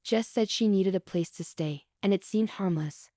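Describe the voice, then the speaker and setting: A woman voicing a guilty young adult son who speaks quietly and apologetically. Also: medium pitch, moderate pace, no room sound, clean studio sound, natural voice. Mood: apologetic.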